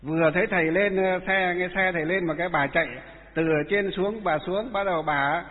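A man, a Buddhist monk giving a dharma talk and telling stories, with many halting filler sounds. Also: high-pitched. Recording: echoey hall, tinny phone-like sound.

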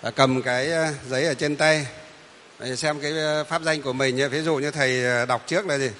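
A man's voice: medium pitch, steady tone, fairly quick, a bit bright, long reverb tail, slight background noise. A man, a Buddhist monk guiding a congregation through a refuge ceremony, speaking patiently with frequent hesitant fillers and repetition. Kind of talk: instructing a kneeling congregation.

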